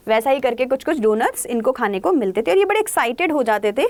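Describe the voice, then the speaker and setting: A young Indian woman teaches an online exam-prep lesson in a high, bright voice. She keeps it lively by asking questions and answering them herself, then slows right down to read passages aloud. The recording is close and dry, with no room sound. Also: dry recording. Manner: explains in Hindi mixed with English, reads text lines slowly; lively, asks and answers her own questions.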